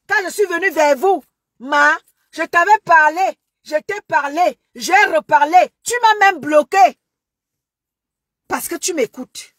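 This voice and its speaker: A Cameroonian woman with a Cameroonian French accent and a high voice lectures her followers in a long, scolding monologue. She keeps repeating her warnings. The sound is dry and close. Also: fairly bright tone, no echo. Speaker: social media commentator.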